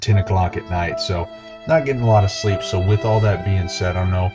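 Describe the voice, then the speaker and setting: Over background music and a dull lo-fi recording, a young man co-hosts a sports podcast in casual chat. His voice is low-pitched and a little fast, and he rambles in a folksy way, saying "y'all" a lot.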